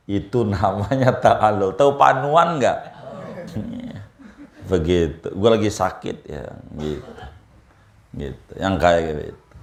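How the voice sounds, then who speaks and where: A man giving a humorous, folksy religious lecture, mixing in Arabic quotations. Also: deep voice. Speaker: Islamic preacher. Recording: echoey room.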